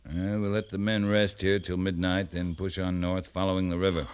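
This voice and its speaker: A seasoned frontier cavalry captain, played by a man with a low voice. He is terse and matter-of-fact, speaking with plain authority in the manner of an old radio western. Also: little pitch movement, normal speed, clean tone, natural voice.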